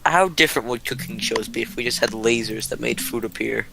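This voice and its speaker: A man's voice: mid-range voice, brisk, vocal fry, background noise. A man co-hosting a casual podcast over a voice call. He rambles and fills his talk with "like". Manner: rambling, lots of "like". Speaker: podcast co-host. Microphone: voice-call mic.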